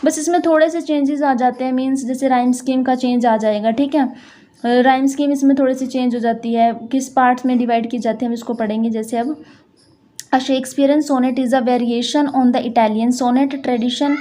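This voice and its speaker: High-pitched woman teaching literature. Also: fairly even intonation, dark tone. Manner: reads English text slowly, then explains in Hindi with frequent "theek hai". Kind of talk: classroom lecture.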